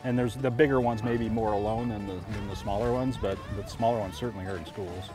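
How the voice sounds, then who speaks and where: A man's voice: fairly low pitch, fairly even intonation, quick pace, music in the background. A middle-aged man, a fishing guide, explaining tactics plainly out on a boat. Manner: plain, matter-of-fact explanations, clears throat. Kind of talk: casual conversation on a boat. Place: on a fishing boat on a lake, outdoors.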